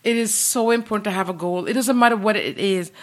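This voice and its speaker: A woman in her sixties with a Canadian accent, a martial arts coach, tells her story as a guest on an interview podcast. She talks fast at a medium pitch, with eager enthusiasm that repeats itself.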